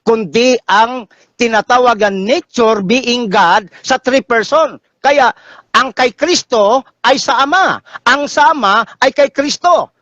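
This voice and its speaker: A man's voice: extremely high pitch, slow pace, sharp tone, no echo, lo-fi sound. A man with a Filipino accent arguing theology in a heated debate, pressing his points and cutting in to answer. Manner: insistent, cuts in to answer.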